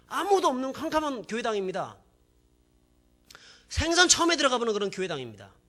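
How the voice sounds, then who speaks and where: A male pastor giving a sermon testimony, dramatic in his storytelling and swinging from hushed to loud. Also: sits high.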